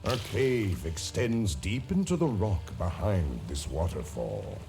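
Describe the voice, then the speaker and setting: A male dungeon master narrates a fantasy game over loud music. He takes his time, with expressive rises and falls that give the scripted storytelling a dramatic air. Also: low-pitched, takes it slowly.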